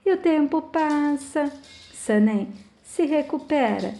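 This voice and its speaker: A woman's voice: sits high, animated, takes it slowly, warm tone. A woman with a Brazilian accent casually retelling a soap opera plot, quoting each character's lines one after another. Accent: Brazilian Portuguese. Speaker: channel host recapping a soap opera. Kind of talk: casual spoken plot recap.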